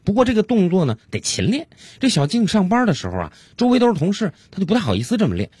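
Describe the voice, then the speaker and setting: A man hosting a radio comedy show, telling jokes in a lively, chatty way. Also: high voice, fast talker, husky, no room sound.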